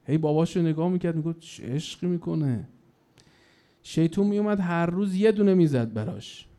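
A man preaching a sermon in a colloquial storytelling manner, his voice rising and falling sharply in loudness. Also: a little high, expressive. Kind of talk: religious sermon.

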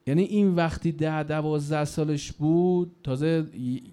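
A man preaching a sermon in a colloquial storytelling manner, his voice rising and falling sharply in loudness. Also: fairly high pitch, clean tone. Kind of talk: religious sermon.

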